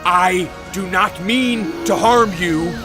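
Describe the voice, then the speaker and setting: A man's voice: high voice, takes it slowly, over music. An actor playing a solemn, wary vampire count in a radio drama, earnest and formal in his wording. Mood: pleading, earnest. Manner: formal, stiff wording, dry grumbling.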